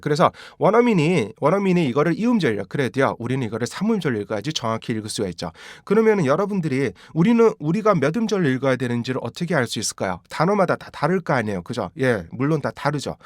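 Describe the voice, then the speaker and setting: A man's voice: mid-range voice, very animated, fast, few pauses, dry recording, clean studio sound. A man with a Korean accent teaching English pronunciation, repeating model words many times and asking rhetorical questions. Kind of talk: pronunciation lesson.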